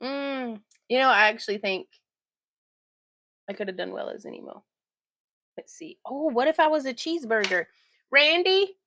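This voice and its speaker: A woman's voice: a little high, lively intonation, normal speed, pauses often, a bit bright, no echo, low-quality recording. A woman hosting a craft vlog at home, chatting casually and laughing often. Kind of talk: casual chat.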